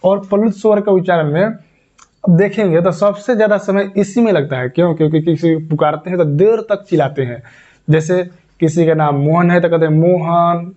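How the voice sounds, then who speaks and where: Higher-pitched male teacher, dull recording. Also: brisk, dark tone. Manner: repetitive, explains step by step, asks and answers his own questions. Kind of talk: classroom lesson.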